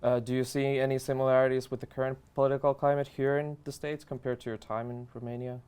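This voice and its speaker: A man's voice: medium pitch, level tone, fast talker, darkish tone, clear, resonant tone. A young man interviewing a candidate, polite and a little hesitant with fillers. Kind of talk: interview questions.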